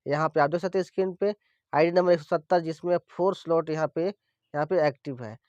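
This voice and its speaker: A man's voice: a little high, fairly quick, a little mellow, no echo. A man explaining an app step by step in a screen-recorded tutorial, repeating himself often as he points things out. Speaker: crypto tutorial presenter. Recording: dull lo-fi dry voice-over.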